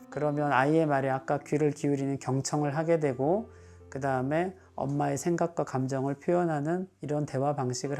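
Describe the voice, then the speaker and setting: Calmly offering advice to parents, a male psychiatrist speaks at medium pitch and sometimes voices what a parent or child would say.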